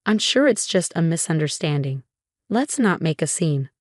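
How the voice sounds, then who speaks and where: A woman's voice: low voice, very animated, moderate pace, darkish tone, no room sound. Wishy-washy husband who just wants no scene, soothing uneasy tone, dry close sound, woman reading. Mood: placating. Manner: placating, uneasy. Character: evasive young husband avoiding conflict.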